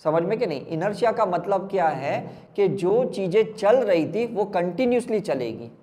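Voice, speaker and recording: A man's voice: high voice, expressive, unhurried, mellow, big-room sound. A man from India, a spiritual healer, giving an emphatic motivational talk and firing rhetorical questions at a live audience.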